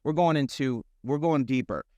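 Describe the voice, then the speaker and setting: A middle-aged man hosting a podcast, telling a personal story in a rambling, animated way with many restarts. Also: medium pitch, normal speed, dry recording, dull audio. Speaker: podcast host. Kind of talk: casual conversation.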